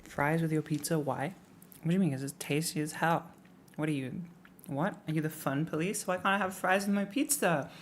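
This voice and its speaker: Low-voiced and speaking at a normal speed, a young English woman rambles through casual livestream chat. She is full of fillers like "like" and "um" and goes on playful rants. There is a little hiss or hum in the audio.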